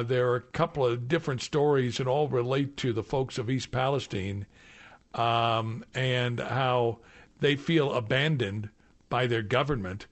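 A man hosting talk radio with chatty live news commentary, often halting and repeating words. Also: mid-range voice.

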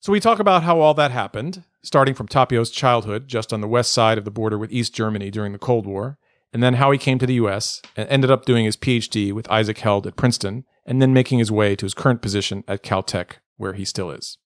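Talking quickly in a lowish voice, a man hosts a podcast interview from his hotel room using a Bluetooth headset microphone. He hesitates and keeps starting his questions over, and the sound is clean, like a studio, with no room sound.

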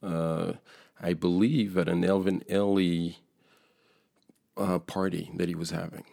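A man's voice: low voice, steady tone, measured pace, vocal fry, dark tone, no echo, studio quality. A man in his forties from France, a painter being interviewed, talking in a hesitant, thoughtful way with many fillers. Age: 40s. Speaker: guest painter. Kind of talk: casual interview.

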